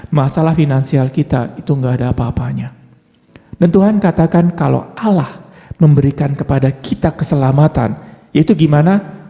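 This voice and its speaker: A man's voice: mid-range voice, gravelly, warm tone. A man preaching a sermon with an Indonesian accent, in a conversational style full of rhetorical questions and playful asides. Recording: long hall reverb with faint music.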